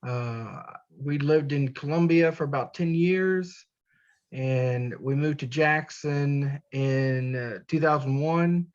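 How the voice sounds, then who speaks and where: A middle-aged man introducing himself to his class, halting now and then with "uh". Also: fairly high pitch, a little mellow. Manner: halting, with "uh" pauses. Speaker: student presenter. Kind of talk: self-introduction. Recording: slightly dull recording.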